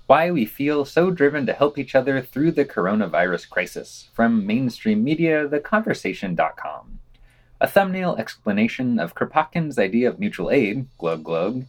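Reading scripted news as a podcast co-host, a man slips dry, wry remarks in between the quotations. His mid-pitched voice moves in a lively way at a normal speed.

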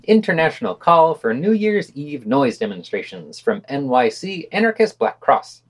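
A man's voice: on the high side, big pitch swings, normal speed. A man co-hosting a podcast, reading a weekly news roundup and dropping sardonic, opinionated asides between the quotes. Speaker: podcast co-host.

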